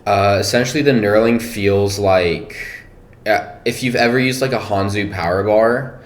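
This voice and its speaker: A man's voice: fairly low pitch, normal speed. A man talking casually on a podcast about competing as a powerlifter, thinking aloud with many fillers. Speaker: powerlifter guest. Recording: echoey room, faint noise.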